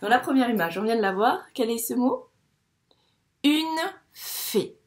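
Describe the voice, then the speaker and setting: A first-grade teacher from France gives a young child a patient phonics lesson, sounding out words syllable by syllable. She speaks slowly, drawing out each syllable, in a slightly high, expressive voice.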